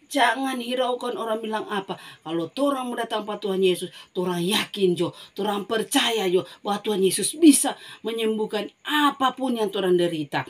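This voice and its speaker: A woman with a Manado Malay accent teaching a Bible story to children, telling it in an animated way with frequent exclamations and repeated key phrases. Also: medium pitch. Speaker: Sunday school teacher.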